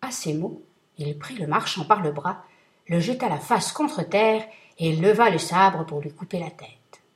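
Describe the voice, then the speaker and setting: A woman narrating a classic tale in a steady, measured reading voice. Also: on the low side. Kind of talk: storybook reading.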